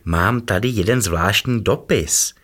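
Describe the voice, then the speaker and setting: A man's voice: on the low side, fairly bright tone. A man doing a courteous hedgehog postman. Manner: dignified, courteous. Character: polite male hedgehog postman in a hurry.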